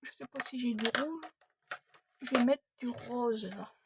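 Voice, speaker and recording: A woman's voice: fairly high pitch, unhurried, background noise. A woman in her thirties, a budgeting vlogger, thinking aloud and muttering to herself at home while she works through savings challenges. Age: 30s. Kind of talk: casual self-talk while doing savings challenges.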